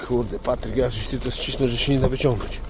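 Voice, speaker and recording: A man's voice: mid-range voice, fairly even intonation, fairly quick, noisy background. A man hosting his own vlog as a tow truck driver, telling rambling stories in a casual way and swearing freely. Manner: rambling, swears freely, calls listener "chłopie". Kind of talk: casual storytelling to camera.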